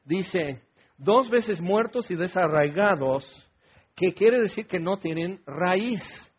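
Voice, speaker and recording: A man preaching a sermon, telling stories with bursts of loud acted quotes and a husky voice. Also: sits high, expressive, slow, lo-fi sound.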